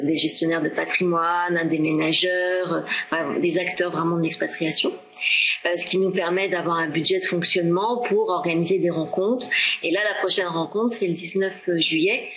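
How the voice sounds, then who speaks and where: A woman from France in her forties speaks in a slightly low voice. She talks in an easygoing, chatty interview manner, full of fillers and small restarts. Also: a bit bright, rough recording. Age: 40s. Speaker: association founder, interviewee. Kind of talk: casual interview talk.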